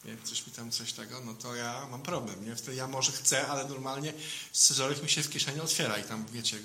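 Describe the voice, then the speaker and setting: Very bright-voiced man preaching informally. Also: medium pitch, steady tone, brisk, a little hiss or hum. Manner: conversational, keeps adding questioning tag "nie?". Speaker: priest. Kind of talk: informal sermon.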